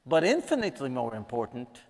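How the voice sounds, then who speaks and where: With wildly swooping pitch and a gravelly medium voice, a Guyanese man preaches a little fast. His sermon with prayer teaches a lesson, emphatically repeating key lines for weight, and echoes with long reverb in a large hall.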